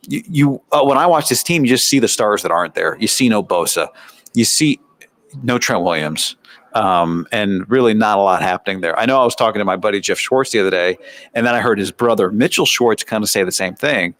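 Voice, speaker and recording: This man hosts a sports show, breaking down a practice in a chatty, analytical style with an American accent. Rhetorical questions and asides come up often. His voice is medium in pitch and a bit bright.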